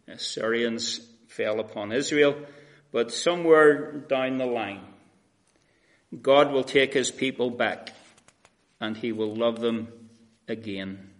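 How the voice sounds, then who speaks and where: Guy preaching a sermon, earnest and chatty, keeps restarting words, mid-pitched voice. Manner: earnest, conversational, with frequent restarts.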